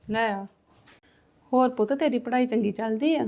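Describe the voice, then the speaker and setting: A woman playing a mother who tries to calm her son-in-law, then scolds her daughter with emotion. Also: on the high side, normal speed, close to an everyday voice. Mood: gentle. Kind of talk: amateur family drama acting.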